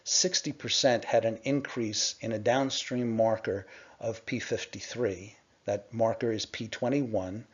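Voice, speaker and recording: A middle-aged man on a conference call, presenting to investors in a measured, explanatory way with frequent "uh" pauses. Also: mid-range voice. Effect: conference call line. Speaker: company executive presenting to investors. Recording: dull lo-fi conference call audio.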